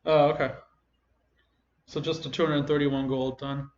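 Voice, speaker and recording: Casual game master, roomy lo-fi sound. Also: male voice, on the high side, flat delivery, a little mellow. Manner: casual and halting, many fillers. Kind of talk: narrating a tabletop game.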